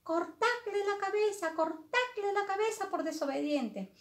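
A woman voicing the Queen of Hearts, an angry, bossy queen who shouts orders in a children's story. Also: very high voice, expressive, measured pace, roomy sound, voice pushed up, exaggerated voice. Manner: shouting, commanding.

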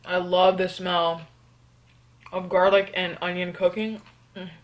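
A young woman from New York doing a casual eating vlog. She answers tag questions and hums between bites in a relaxed, chatty way. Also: on the low side, a little slow. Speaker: mukbang vlogger.

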